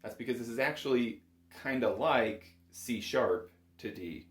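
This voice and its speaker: A bagpipe chanter teacher speaks a little slowly in a mid-range voice, guiding a casual lesson one step at a time. His manner is patient and encouraging. The recording has the echo of a small music room at home.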